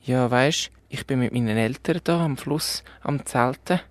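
A man's voice: medium pitch, a little slow, no echo, pitched above the performer's own voice, close to an everyday voice. A man with a Swiss German accent voicing a small, friendly lost girl in a children's story, with a sweet, lilting child voice.

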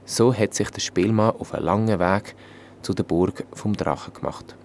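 Low-voiced Swiss German storyteller. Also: male voice, normal speed, slight background noise. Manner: calm, even storytelling in dialect. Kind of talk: fairy-tale narration.

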